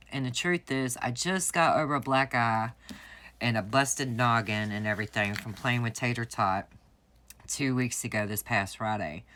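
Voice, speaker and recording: Here a woman with a bass voice and a slightly bright tone talks casually as she crafts, arranging her planner at home. She's a planner vlogger who keeps things chatty, spins stories, and laughs a lot.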